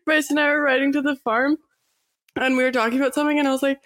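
A young woman with a fairly high voice chats loosely as a podcast co-host, rambling through her thoughts with plenty of fillers and quick giggles. The sound is close and dry, with no room around it. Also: little pitch movement, fairly bright tone, no echo. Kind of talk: casual chat.

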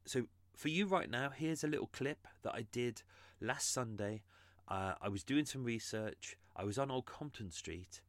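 A man's voice: fairly low pitch, no room sound. A man hosting a true crime podcast, explaining his research in an earnest, casual monologue.

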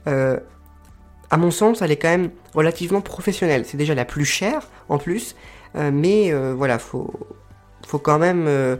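A man's voice: fairly high pitch, darkish tone. Hesitant man explaining crafting tools. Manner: hesitant, searching for words with many pauses. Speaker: crafting video creator. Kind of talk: casual explanatory talk to camera.

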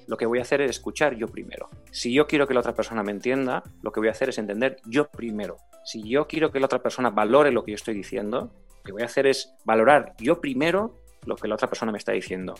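Measured man explaining with rhetorical questions. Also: mid-range voice. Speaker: communication trainer. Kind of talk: explanatory talk.

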